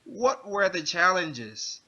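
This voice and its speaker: A man hosting a casual author interview, upbeat and quick to laugh. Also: high-pitched, very animated, sharp tone, breathy edge, muffled recording. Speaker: interview host.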